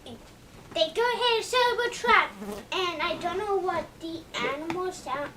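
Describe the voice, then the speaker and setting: High-voiced excitable young reviewer. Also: female voice, measured pace, distant mic, slight background noise. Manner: excitable, emphatic, says "literally" often. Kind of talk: casual movie review chat.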